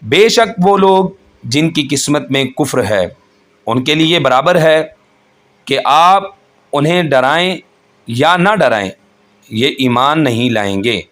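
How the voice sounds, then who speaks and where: A man teaching Quran recitation rules, explaining each point slowly and patiently and chanting the verses in a melodic voice. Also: a little high, expressive, a bit bright. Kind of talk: tajweed lesson with chanted recitation.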